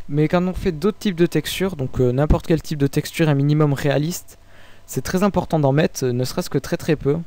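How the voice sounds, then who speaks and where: A young man with a French accent talking through a software tutorial in a relaxed, informal way, full of hesitations and restarts. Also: fairly high pitch. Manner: halting, many fillers and restarts, relaxed and informal. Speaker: tutorial maker. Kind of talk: casual screen-recorded software tutorial.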